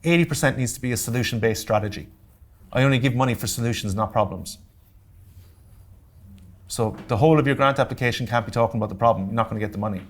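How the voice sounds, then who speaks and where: A man's voice: medium pitch, fast talker, pauses often. Irish man giving a grants workshop. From Ireland. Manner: direct, joking asides, checks in with the audience. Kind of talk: workshop lecture to a live audience. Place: community centre meeting room.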